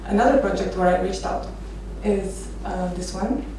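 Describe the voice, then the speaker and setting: Speaking at a moderate pace in a medium-pitched voice, the Romanian photographer of architecture, in her thirties, tells personal stories in a loose, halting style during a conference talk. The distant mic captures echo and clear background noise from the venue.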